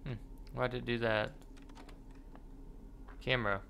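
A man streams a horror game with casual commentary in a bright, edgy voice. He mutters asides to himself and talks back to the game, swearing at times. Faint game ambience and keyboard noise sit behind him. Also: mid-range voice, fairly even intonation, a little slow, gravelly.

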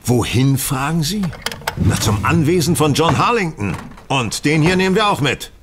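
A man playing Sherlock Holmes, sardonic and lively. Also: a little high, moderate pace, noisy background, close to an everyday voice. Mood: brisk, urgent. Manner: teasing, didactic, condescending. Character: brisk, superior male detective, sardonic and self-assured. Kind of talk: German audio drama acting.

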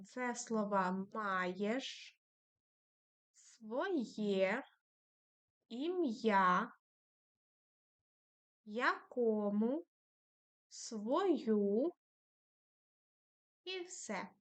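A woman's voice: medium pitch, lively intonation, extremely slow, pauses often. A woman teaching a primary school lesson to young children, dictating patiently and praising them often.

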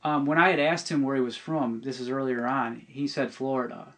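A middle-aged man telling a personal testimony on a podcast, earnest and halting, often restarting and repeating words. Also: medium pitch, fairly even intonation, fairly bright tone.

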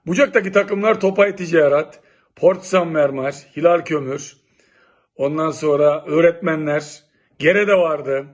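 A middle-aged man from Turkey telling old local stories in a lively, exclamatory, casual way. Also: a little high, measured pace. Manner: animated, exclamatory, lively storytelling. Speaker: local vlogger reminiscing. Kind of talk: casual nostalgic monologue.

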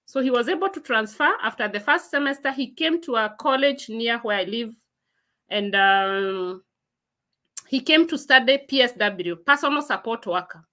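A woman in her forties, hosting a casual livestream from a room at home, reads and answers her viewers' comments, chatting and laughing often. Her voice is on the high side, animated and sharp in tone, at normal speed, picked up by a laptop mic.

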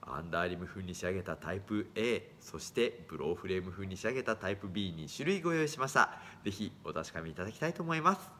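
A man's voice: quick pace, few pauses, slight background noise. A man in his thirties, an eyewear shop worker, giving a formal, courteous product presentation into a phone camera in a small shop. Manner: formal, courteous, lively rises in pitch. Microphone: phone camera at arm's length.

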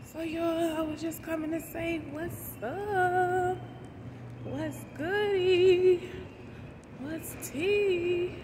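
A woman's voice: extremely high pitch, steady tone. A woman in her forties vlogging from her phone while she walks through a mall and then a parking lot, chatty and slangy. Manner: slow, chatty, slangy, talks straight to the phone while walking. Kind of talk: casual walking vlog chat. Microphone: phone held at arm's length. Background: background music, traffic and wind.

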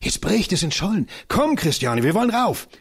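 A man reading aloud voices an excited adolescent boy who eagerly urges his friend onward. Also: high-pitched, moderate pace, creaky, slightly rough, pitched above the performer's own voice, heavily acted. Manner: eager, breathless urging.

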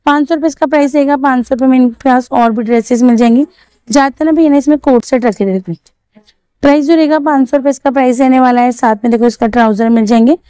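A young woman with a high, warm, clean voice talks quickly as she vlogs at a busy outdoor street market, going over prices and fabrics and asking shopkeepers about the clothes. There's no echo, though the audio quality is poor.

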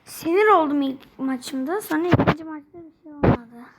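A woman's voice: sits high, normal speed, heavy background noise. A young woman with a Turkish accent commentating her mobile football game for her channel, chatty and easily frustrated, talking to her viewers throughout. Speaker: gaming channel host.

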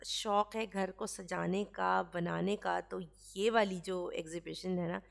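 A woman's voice: on the low side, steady tone, a little slow, gravelly. Chatty Pakistani woman narrating a vlog. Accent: Pakistani Urdu. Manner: chatty, with frequent "uh" fillers and English words mixed in. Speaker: vlogger. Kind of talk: casual voice-over narration.

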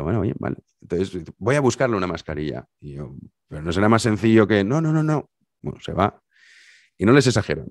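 A man's voice: sits low, no room sound, studio quality. A man with an accent from Spain, hosting a podcast and telling his listeners an anecdote in a casual monologue, acting out the lines of the people in it. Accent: Spanish from Spain. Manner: animated storytelling, acting out dialogue. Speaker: podcast host.

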